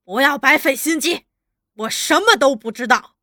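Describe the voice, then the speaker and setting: A woman's voice: a little high, slow pace, fairly bright tone, no room sound, studio quality. A woman voicing a stubborn old peasant man who answers curtly and scornfully. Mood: defiant. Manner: curt, scornful, unyielding.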